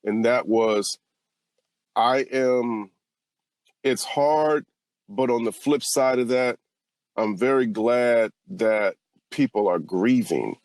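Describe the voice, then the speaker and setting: A man's voice: mid-range voice, takes it slowly, pauses often, a little mellow, dry recording. A man from California hosting a podcast, talking in an earnest, reflective and personal way. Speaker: podcast host. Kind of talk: casual podcast conversation.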